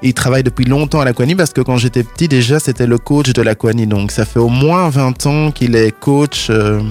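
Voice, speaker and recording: A man's voice: medium pitch, fairly quick, darkish tone. A man presents a local sports item on a radio show. He talks in a chatty, explanatory way with small hesitations. A faint music bed plays beneath. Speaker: radio co-host reporting local news. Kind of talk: casual radio news segment.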